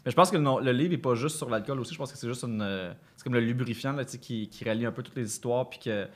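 A man's voice: medium pitch, fast. A man with a Québécois accent speaking as a guest, hesitant and full of fillers. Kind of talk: casual talk show chat.

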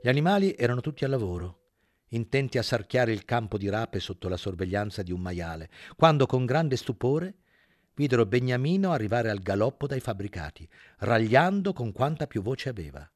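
A man narrating an audiobook in a dramatic, measured way. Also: mid-range voice, very animated, dry recording. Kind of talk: scripted narration.

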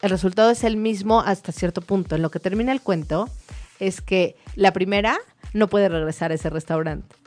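A woman's voice: mid-range voice, moderate pace, darkish tone, soft background music. A woman, a child therapist, explaining things in a chatty, storytelling way. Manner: chatty, many fillers, storytelling. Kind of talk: explanatory conversational talk.

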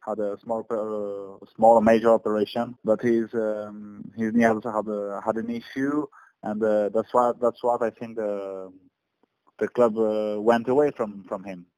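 A man's voice: fairly low pitch, fairly even intonation, darkish tone, dry recording. Hesitant man over the phone. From France. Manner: hesitant, halting, many fillers and restarts. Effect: heard over a phone line. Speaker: sports journalist. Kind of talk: phone interview. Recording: dry phone call with dodgy audio.

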